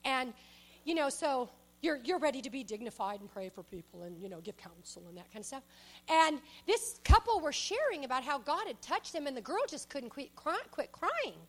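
Animated high-voiced woman preacher. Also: moderate pace. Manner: animated storytelling, laughs often, swings from loud bursts to soft asides. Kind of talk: sermon.

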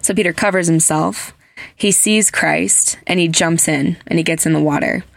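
A woman's voice: lowish voice, moderate pace, gravelly, dry recording. A woman hosting a podcast, telling stories in casual, gushing chat with lots of "like" fillers. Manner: chatty, heavy use of "like" fillers; earnest, gushing storyteller. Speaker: podcast host.

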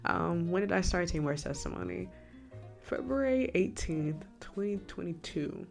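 A woman with a low voice hosts a casual faith podcast, talking in a chatty, rambling way and turning often to address the listener. A slight lisp from a new retainer colors her words, and faint music plays behind her. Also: animated, unhurried, gravelly. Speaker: podcast host.

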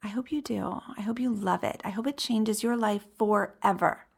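A woman's voice: mid-range voice, normal speed, vocal fry, husky. A woman hosting a podcast as an encouraging, upbeat life coach, chatting directly to her listeners.

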